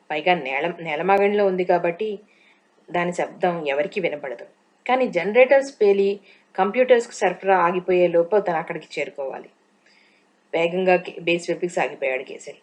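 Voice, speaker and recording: Lower-voiced woman narrating an audiobook.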